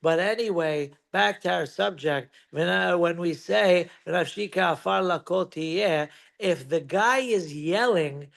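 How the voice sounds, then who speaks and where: Gravelly high-voiced rabbi teaching. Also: male voice, slow pace, a bit bright. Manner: conversational, with asides and rhetorical questions. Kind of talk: informal Torah lesson.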